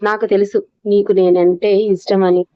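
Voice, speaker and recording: A man's voice: sits high, level tone, moderate pace, dry recording, close to an everyday voice. Woman voicing a playful young man, teasing and sure of himself, storybook reading, muffled dry sound. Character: teasing confident young male student. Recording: dull dry lo-fi audio.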